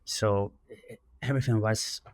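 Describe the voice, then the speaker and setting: A man from Spain with a Spanish accent, a youth soccer director answering interview questions in a measured way with many fillers. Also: on the low side, fairly even intonation, no room sound, clean studio sound.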